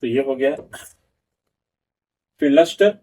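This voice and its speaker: A husky, somewhat breathy man gives an exam prep lecture. He reads definitions slowly and explains them in Hindi. The mic sits a bit away from him. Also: mid-range voice, warm tone, far from the mic. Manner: asks the class questions and answers them himself. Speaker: teacher.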